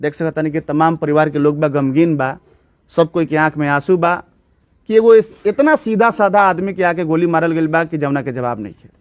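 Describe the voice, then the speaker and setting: A man's voice: fairly high pitch, moderate pace, no echo. A male local news reporter with a Bhojpuri accent, asking questions in an on-the-spot report and soothing the grieving family. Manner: soft, consoling with the children, urgent when questioning. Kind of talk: on-the-spot field report and interviews.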